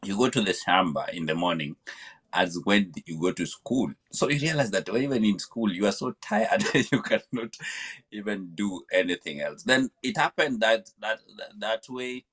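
A man's voice: lowish voice, expressive, normal speed, a bit bright, slightly rough. A man from Kenya with a Kenyan accent, a podcast guest telling reflective stories and often repeating words as he searches for them. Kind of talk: reflective interview storytelling.

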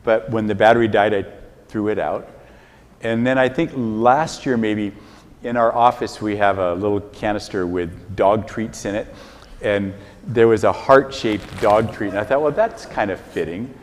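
An older man, a priest, giving a relaxed, conversational homily with chuckling, self-deprecating stories. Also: lowish voice, normal speed. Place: large church. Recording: reverberant church hall.

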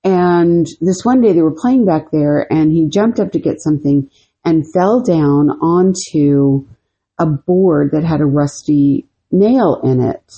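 Husky low-voiced woman telling stories. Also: unhurried, mellow, muffled recording. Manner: rambling, with many fillers and restarts. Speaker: podcast co-host. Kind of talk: casual storytelling chat.

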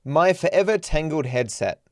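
A man's voice: fairly high pitch, lively intonation, moderate pace, no echo, faint music behind. A man in his thirties hosting a casual podcast chat, rambling and swearing freely with frequent laughs. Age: 30s. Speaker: podcast host.

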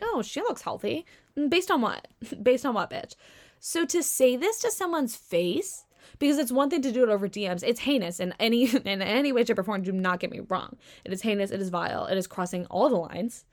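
Young woman, podcast host, sarcastic, ranting, slangy, mid-pitched voice. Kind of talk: casual solo podcast commentary.

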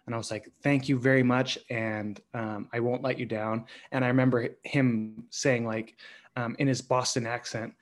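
A man in his thirties, a former pro hockey player, telling his story as a podcast guest in a halting way with many pauses. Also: medium pitch, little pitch movement. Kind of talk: conversational storytelling.

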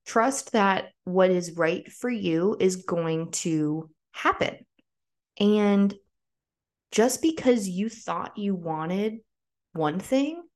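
A woman's voice: medium pitch, a little mellow. A woman in her twenties hosting a podcast, telling a personal story in a casual, chatty way full of "like" fillers. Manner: chatty, frequent "like" fillers, acts out quoted voices. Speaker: podcast host.

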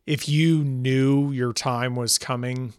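A man's voice: medium pitch, steady tone, takes it slowly, clear, resonant tone, no echo, clean studio sound. A man hosting an interview podcast, asking careful questions and hesitating as he searches for words. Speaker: podcast host.

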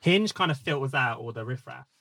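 A man's voice: medium pitch, expressive, brisk, creaky, pushed and bright, no room sound. A man with an Essex accent in casual, bantering chat, slangy and cheeky. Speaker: comedian co-host guest.

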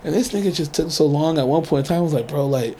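A man's voice: fairly high pitch, racing, a little hiss or hum. A man with an American accent chatting casually, telling stories in profane slang and acting out reactions. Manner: slangy, profane, animated retelling with quoted reactions. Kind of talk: casual chat, storytelling.

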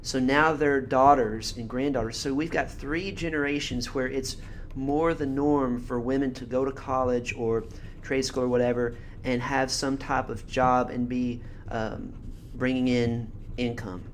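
A man's voice: medium pitch, steady tone, measured pace, a little hiss or hum. A man hosting a podcast who speaks reflectively, thinking aloud and adding frequent murmured agreement while his guest talks. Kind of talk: casual podcast conversation.

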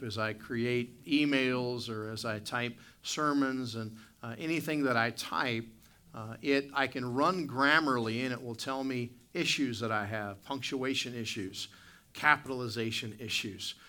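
A male pastor preaches in a plain-spoken, deliberate way, phrasing in short pieces. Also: medium pitch, pushed and bright. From West Virginia, United States. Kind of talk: church sermon with scripture reading and prayer.

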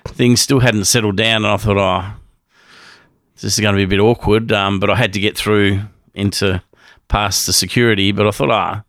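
Male guest, low gravelly voice, dry close sound, sheepish storyteller. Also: fairly even intonation, moderate pace, fairly bright tone, no room sound. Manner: sheepish, laughs while telling it. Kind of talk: casual storytelling.

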